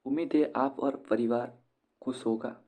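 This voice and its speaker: A man with an Indian accent teaching Hindi grammar to students, explaining slowly and repeating key terms. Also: medium pitch, steady tone, darkish tone.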